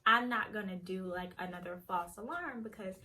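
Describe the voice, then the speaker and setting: A woman's voice: medium pitch, moderate pace, sharp tone, slight background noise. A young woman vlogger chatting casually, retelling a story and acting out each person's lines. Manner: chatty, acts out quoted dialogue.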